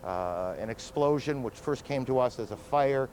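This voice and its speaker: Male anchor, breaking news, measured, mid pitch, faint noise. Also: rough recording. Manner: measured, steady summary.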